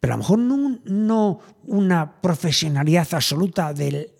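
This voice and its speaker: Middle-aged guy from spain thinking out loud, lots of restarts, voice jumps around a lot. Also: high-pitched, lively intonation, moderate pace, vocal fry, husky. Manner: rambling, thinking aloud with many fillers and restarts. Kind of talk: casual chat.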